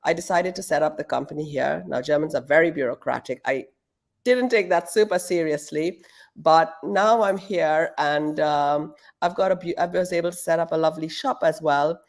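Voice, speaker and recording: A middle-aged woman from Pakistan speaks in a low register with a gravelly, creaky edge. She answers interview questions at home in a relaxed, thoughtful way, pausing with fillers and restarting her sentences. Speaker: guest, shoe brand founder.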